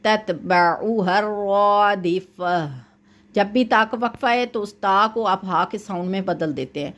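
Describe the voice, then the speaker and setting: A woman's voice: medium pitch, lively intonation, fairly bright tone. Patient woman teaching Quran recitation. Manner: patient, explains step by step, often checks in with "okay"; recites verses slowly and drawn out. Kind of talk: teaching tajweed, correcting a student's recitation.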